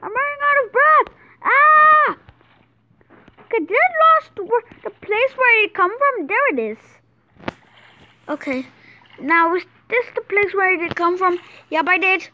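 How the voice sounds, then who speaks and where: A woman hosting an excited gameplay commentary, exclaiming often and restarting her sentences as she explores. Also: very high-pitched, unhurried, lo-fi sound, slight background noise. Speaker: gameplay channel host.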